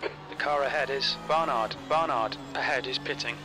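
A man's voice: medium pitch, moderate pace, music in the background, lightly acted. A man voicing a race engineer in a racing game, giving terse, clipped calls. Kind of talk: scripted game voice lines.

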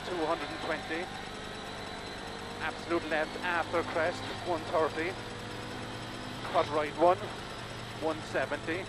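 A male rally co-driver reading rapid pace notes in terse, clipped calls of directions and numbers inside a moving car. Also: a little high. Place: inside a rally car at speed on country lanes. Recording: very loud car engine noise. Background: loud engine and vehicle noise.

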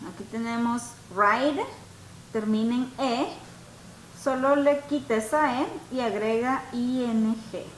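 A woman teaching an English grammar class to students, explaining rules slowly and patiently and switching between Spanish and English. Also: on the high side. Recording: echoey room, faint background noise.

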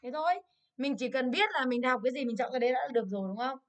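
A high-voiced woman with a Vietnamese accent teaches English in a fast-moving review lesson on an exam, frequently pausing to ask checking questions.

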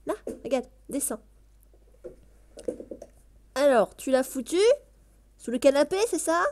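A woman with a bright, high voice talks through her game in a loose, chatty way, gushing and exclaiming freely. She turns aside now and then to chat to her cat, recorded close on a headset at home. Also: measured pace, slight background noise. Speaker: let's play gamer. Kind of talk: casual gameplay commentary. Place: home room, indoors.

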